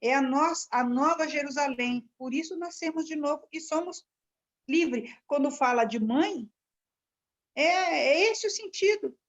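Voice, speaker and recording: A woman giving a halting, searching commentary on a Bible passage in a study class. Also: high-pitched. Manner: searching, halting delivery with restarts. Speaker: class participant. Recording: dull lo-fi sound.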